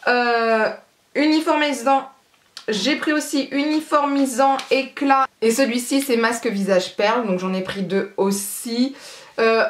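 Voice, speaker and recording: A woman's voice: a little high, reverberant, a little hiss or hum. A woman beauty vlogger in casual haul chat, chatty and rambling with a self-mocking humor.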